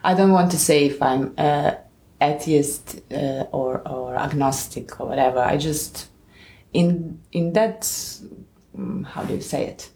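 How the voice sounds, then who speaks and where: A woman in her thirties from Bosnia and Herzegovina, a guest in a casual interview, answering thoughtfully and laughing softly. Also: deep voice, a little slow, gravelly. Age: 30s.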